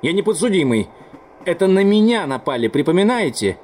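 Man voicing an outraged young man shouting. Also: high voice, sing-song, a little fast, voice pushed up. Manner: shouting, indignant.

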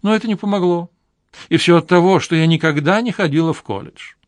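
A man's voice: high voice, brisk, no echo, voice pushed up, lightly acted. A man reading an audiobook, voicing a flamboyant, flirtatious woman from show business with a gushing, theatrical manner. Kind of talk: audiobook character voice.

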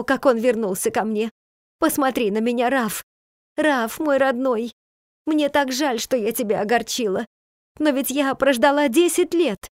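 Brief: woman reading as an agitated peasant wife, higher and louder, pleading and reproachful, dry sound. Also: no room sound, natural voice. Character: fretful, outspoken peasant wife, emotional.

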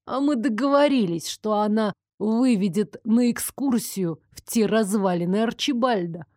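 A woman's voice: mid-range voice, measured pace, mellow, dry recording, studio quality, close to an everyday voice. A woman reading the part of a brash, teasing young investigator who grumbles when crossed, in an audiobook. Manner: drawling, sulky grumbling.

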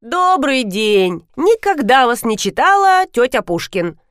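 A woman's voice: fairly high pitch, big pitch swings, measured pace, a bit bright, clean tone, no echo, studio quality, pitched above the performer's own voice. A woman reading an audiobook, voicing a cheeky, mocking teenage girl in a raised, sassy voice. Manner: sassy, sarcastic. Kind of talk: audiobook character voice.

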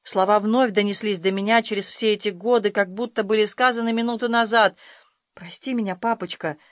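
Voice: mid-range voice, level tone, fairly quick, no echo, clean studio sound. A narrator reading a first-person audiobook with dramatic, emotional delivery.

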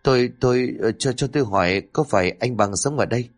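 A man's voice: fairly low pitch, lively intonation, brisk. A man voicing a hesitant young mother who stammers and pleads. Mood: anxious.

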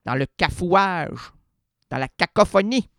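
Rambling, playful radio host. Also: male voice, high voice, animated, slow, a bit bright, no echo, studio quality. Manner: rambling, self-interrupting, jokey with sudden singing and word play. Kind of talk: playful radio monologue with poetry reading. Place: radio studio.

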